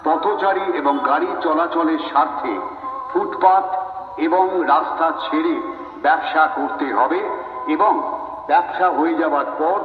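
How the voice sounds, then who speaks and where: A man with a West Bengal Bengali accent reading a formal public announcement deliberately, as through a megaphone. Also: on the high side, fairly even intonation, over music. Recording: muffled, distant loudspeaker with echoing reverb.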